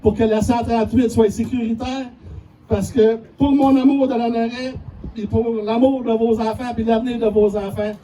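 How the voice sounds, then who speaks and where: Québécois guy rallying a crowd, high voice but real dark and mellow, mic kinda far. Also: steady tone, normal speed. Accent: Quebec French. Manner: folksy, emphatic, making promises. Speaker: speaker addressing a public gathering. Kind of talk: rousing public speech. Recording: distant mic with faint background noise.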